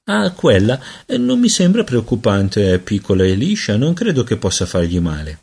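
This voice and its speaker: A man reading a storybook aloud and voicing a calm, know-it-all older sister with a superior, lecturing manner. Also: on the high side, normal speed, breathy edge, voice pushed up, full character voice.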